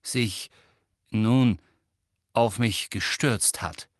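A man's voice: lowish voice, extremely slow, dry recording, clean studio sound. A man reading aloud, voicing a kindly middle-aged wizard father who talks hastily and evasively in a storybook. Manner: raised, hasty when evading.

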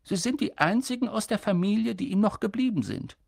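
A man voicing a gentle, wise elderly wizard headmaster in an audiobook reading, speaking softly and slowly. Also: sits high, creaky, no room sound, clean studio sound, voice pushed up, full character voice. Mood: calm. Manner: soft, calm, slow. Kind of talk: audiobook character voice.

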